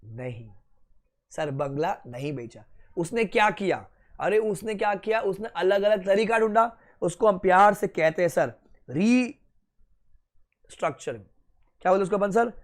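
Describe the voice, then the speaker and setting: A man giving a lecture, quizzing his students and answering his own questions as he mixes Hindi and English. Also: sits high. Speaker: teacher. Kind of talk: classroom lecture.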